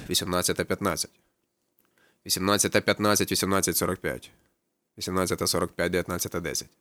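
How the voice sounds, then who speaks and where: A man's voice: low voice, fairly bright tone, no room sound. A man narrating a literary audiobook in a laconic, ironic storytelling manner. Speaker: audiobook reader.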